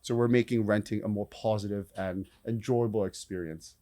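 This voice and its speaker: A young man answering as a startup co-founder in a relaxed way, full of "you know" fillers. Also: fairly low pitch, moderate pace. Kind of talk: casual interview answers.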